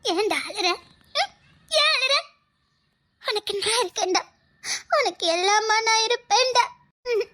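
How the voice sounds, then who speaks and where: A woman playing a shrill, tearful young lover. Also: lively intonation, slow, pauses often, bright, forceful tone, full character voice. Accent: Tirunelveli Tamil. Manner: tearful, insistent, laughing through sobs. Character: devoted young woman clinging to her paralysed lover. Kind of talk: comedy skit acting.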